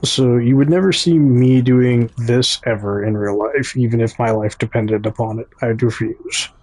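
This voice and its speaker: Talking directly to his audience, a Midwestern-accented gaming YouTuber offers relaxed play-by-play, often stopping to correct himself. The voice sits mid-range, slightly mellow, moving at a moderate pace.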